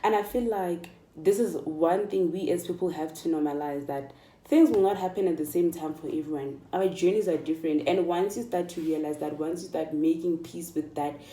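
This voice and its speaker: Here a South African woman in her mid-twenties, a vlogger, gives her viewers a casual motivational pep talk, stressing points by repeating phrases and speaking with emphasis. Her voice is warm and on the low side, moving at a moderate pace. It's recorded from a distant mic in a room with noticeable echo.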